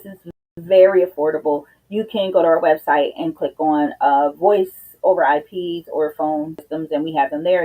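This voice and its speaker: A woman's voice: deep voice, warm tone, low-quality recording. A woman hosting a live business show, talking casually and directly to viewers, a little out of breath. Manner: chatty, addresses viewers directly with "you guys". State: slightly out of breath. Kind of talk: casual live-stream talk.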